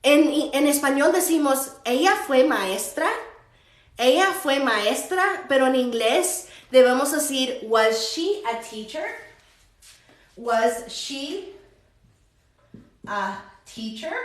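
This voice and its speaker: A woman with a fairly high voice teaches a grammar lesson in a roomy, echoing space. She drags out each English example slowly for learners to repeat. Her explanations in between come quicker and are broken by light laughs. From United States. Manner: slow, drawn-out English examples repeated for practice.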